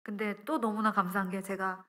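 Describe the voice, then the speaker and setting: A young woman preaching a testimony sermon in a lively storytelling style. She acts out her own quoted words as she goes. Her voice has a bright edge. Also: medium pitch, brisk.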